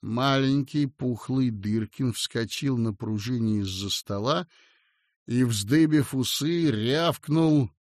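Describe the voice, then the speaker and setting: A man narrating a classic story aloud with a theatrical, expressive reading. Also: mid-range voice, slow, dry recording, studio quality.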